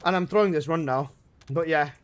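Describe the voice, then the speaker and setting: This gaming livestreamer is a young man whose voice runs fairly high and fairly quick. Sitting in his own room at home, he reads his chat and replies with easygoing, slangy banter.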